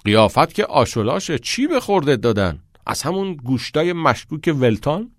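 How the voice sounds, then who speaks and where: A man's voice: a little high, sing-song, dry recording, studio quality, pitched above the performer's own voice. A man voicing a teasing schoolboy.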